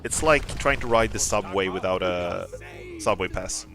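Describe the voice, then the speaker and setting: A man doing casual live gameplay commentary in an excitable, rambling, jokey way. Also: low voice, normal speed. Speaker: game streamer. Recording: game music behind the voice. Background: video game music.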